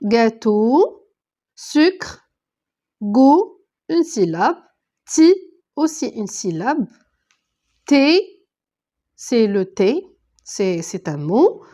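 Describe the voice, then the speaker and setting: Female teacher, a touch high-pitched, patient and methodical in her explanations. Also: big pitch swings, extremely slow, pauses often, mellow. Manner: patient, step-by-step explaining, reading words out one by one. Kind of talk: online grammar lesson.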